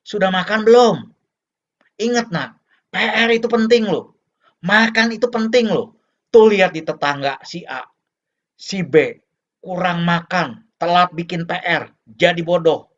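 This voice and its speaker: A nagging middle-aged mother, as a man acts her out, pushing each point with stubborn insistence. Her voice sits noticeably higher than the speaker's own. The recording is dull and lo-fi. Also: a little slow, long pauses. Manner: insistent, scolding, repeats "important".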